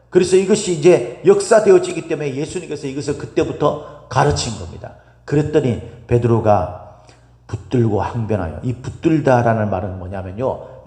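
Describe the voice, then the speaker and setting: Animated male pastor in an echoey hall. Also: medium pitch. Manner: animated preaching with rhetorical questions to the congregation. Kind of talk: sermon. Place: church sanctuary. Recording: echoey hall with long reverb.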